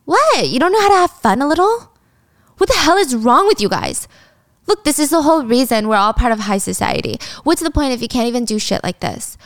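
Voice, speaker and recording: A woman's voice: on the high side, expressive, a little fast, dry recording, studio quality. A woman voicing a spoiled rich young party girl who sneers and whines, in a drama recap. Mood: mocking. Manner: whiny, mocking.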